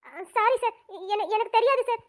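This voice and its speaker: A woman's voice: very high voice, steady tone, brisk. A woman voicing a nurse, camp teachers and schoolgirls in a cartoon drama, with a flustered, fussing manner.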